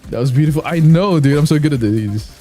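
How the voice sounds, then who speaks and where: A male game streamer chats casually and jokes with his viewers. His voice has a dark, mellow tone, and he rambles and brags playfully. Faint music plays in the background. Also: a little high, fast talker. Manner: joking, rambling, self-boasting. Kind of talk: casual gameplay commentary.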